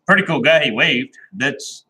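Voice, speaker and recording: On his livestream, a man chats casually with viewers in a rambling, laid-back, folksy and plain-spoken way. His mid-range voice is expressive, bright and forceful at a moderate pace, though the recording is rough.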